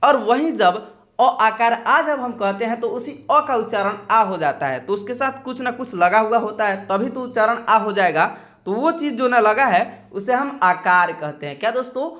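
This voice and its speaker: A man's voice: high voice, animated, a bit bright. A man teaching a spelling lesson in a voice-over, spelling letters out one by one and asking his viewers questions again and again. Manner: slow, spells out letters one by one, keeps asking "kya doston?". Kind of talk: screen-recorded Hindi spelling lesson.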